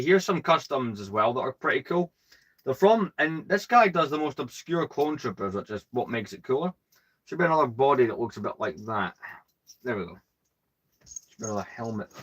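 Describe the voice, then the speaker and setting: With a medium-pitched voice and a British accent, a UK man hosts a casual livestream. He stays calm and soothing, talking in a rambling, chatty, self-deprecating way.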